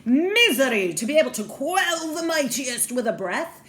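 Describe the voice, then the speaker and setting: A woman voicing a proud, scornful older scientist father who booms rhetorical questions at his daughter. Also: big pitch swings, moderate pace, fairly bright tone.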